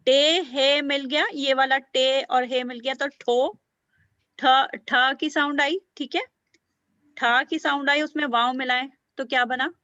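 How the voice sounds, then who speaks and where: A woman's voice: high voice, fairly even intonation, a little slow, pushed and bright, no echo, lo-fi sound. A woman teaching beginner language to children, patiently sounding out letters and praising often. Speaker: Urdu teacher.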